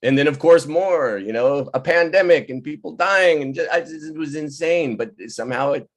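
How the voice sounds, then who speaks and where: A man with a slightly high voice talks at a normal pace, animated and laughing as he acts out the people in his stories. He's a playwright and director running a virtual table read, chatting casually over an online video call through its microphone.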